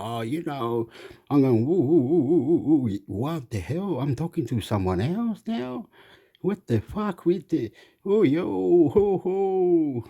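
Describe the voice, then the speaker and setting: Rambling man, mellow voice. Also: mid-range voice. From Chile. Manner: rambling, repetitive, laughs often. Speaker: vlogger commenting on a video. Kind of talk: casual rambling commentary.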